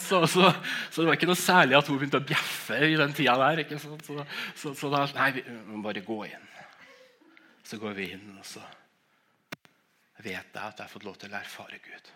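A man's voice: fairly high pitch, sharp tone. A middle-aged man preaching and telling his own conversion story, with emotional storytelling, stammering restarts and frequent laughs. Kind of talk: sermon with personal testimony.

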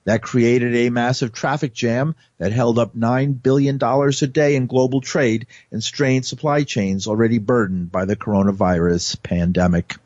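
A man's voice: mid-range voice, dry recording. Man reading news narration, dry and dull. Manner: measured, even reading.

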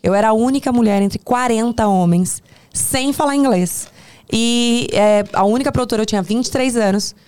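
Her voice is a little high, clear and resonant, at a normal speed, with a Brazilian Portuguese accent. As a tour producer guesting on a podcast, she tells work stories casually and with animated exaggeration, often breaking off mid-thought.

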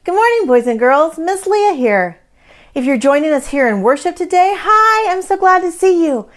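A woman's voice: extremely high pitch, sing-song, normal speed. A woman giving a children's lesson at church in an earnest, upbeat, schoolteacher-like way. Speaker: children's ministry leader.

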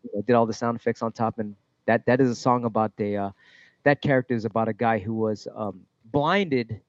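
A man, a music producer, talking in a casual interview, halting and swearing freely as he explains his tracks. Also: fairly low pitch, no echo, dull audio.

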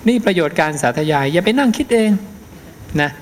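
A middle-aged man, a Buddhist monk, gives a dharma teaching in a fairly high voice with emphatic, repeated tags. His points come in steady lists. A faint hiss of noise sits under the recording. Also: a little fast. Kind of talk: dharma teaching answering questions.

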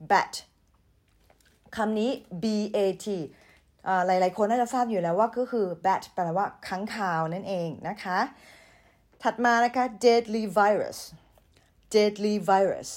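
Slow, patient Thai woman teaching English words. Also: medium pitch. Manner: patient and deliberate, repeats words and spells them aloud. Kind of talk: vocabulary lesson, spelling words letter by letter.

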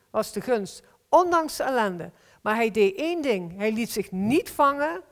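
A woman preaching a sermon to a congregation in a heartfelt, earnest way, slowing down to stress key phrases. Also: on the high side. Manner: earnest, heartfelt, with slow emphatic stretches. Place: church hall. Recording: long hall reverb.

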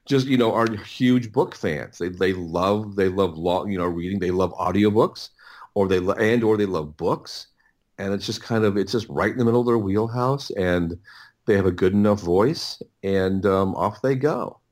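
With a low, darkish tone, a middle-aged audiobook producer fields questions as a guest in an informal interview. He meanders along haltingly, restarting sentences and repeating himself.

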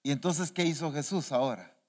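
A man preaching a sermon as an apostle, animated and questioning the congregation again and again. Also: a little high, fairly quick. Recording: reverberant church hall.

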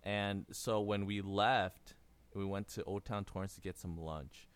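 A man's voice: sits low, steady tone, measured pace, clean tone. A man in his twenties hosting a casual podcast, telling a story in rambling fashion with lots of fillers and laughs. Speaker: podcast host.

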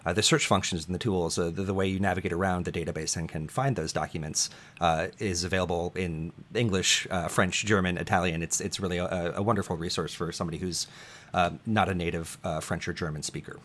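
A man with a low, steady voice that's brisk and a bit bright interviews an archive director. His speech in the conversation is full of fillers and restarts.

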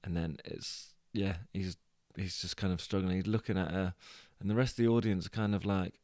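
A man's voice: low voice, steady tone, brisk, warm tone, dry recording, studio quality. A British man hosting a podcast, retelling a story in a rambling, hesitant way with lots of fillers and restarts. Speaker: podcast host.

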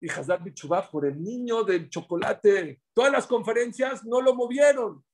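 A man giving a religious class, preaching in an animated way and acting out the quotes in his stories. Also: sits high, moderate pace. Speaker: religious teacher.

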